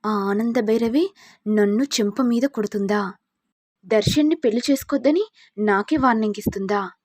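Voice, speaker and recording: A woman's voice: medium pitch, normal speed, a little mellow, no echo, studio quality, lightly acted. A woman voicing a scheming, manipulative young woman who pleads and pities herself.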